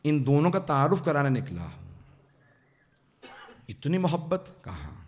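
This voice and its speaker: A man's voice: a little high, very animated. A man preaching a mourning sermon who tells the story to the gathering and builds into impassioned, tearful recitation. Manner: addresses the audience directly. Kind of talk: Urdu majlis sermon. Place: religious centre hall.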